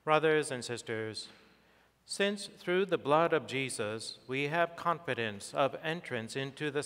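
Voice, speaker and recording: A middle-aged male priest recites liturgy with solemn formality. His voice is smooth and resonant, and he takes his time over each phrase. The words ring out through a church microphone into a long cathedral echo. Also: mid-range voice, fairly bright tone. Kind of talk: liturgical prayer and scripture reading. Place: large church sanctuary, at altar and lectern. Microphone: fixed church microphone on lectern or altar.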